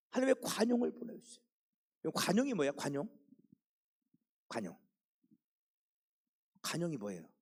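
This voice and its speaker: Lively high-voiced Korean pastor. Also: male voice, husky. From South Korea. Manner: conversational, asks the congregation questions and answers them himself; jokes gently with the congregation. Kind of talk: sermon. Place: church sanctuary.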